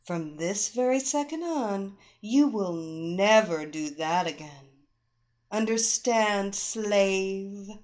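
A woman voicing a dominant woman hypnotist who gives slow, firm commands. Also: a little high, sing-song, darkish tone. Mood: commanding.

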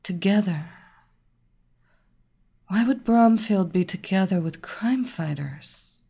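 Seductive psychic vamp, slow and sing-song, by the woman narrator. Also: mid-range voice, expressive, creaky, mellow, slightly rough, exaggerated voice. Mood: entranced. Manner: slow, sultry, teasing.

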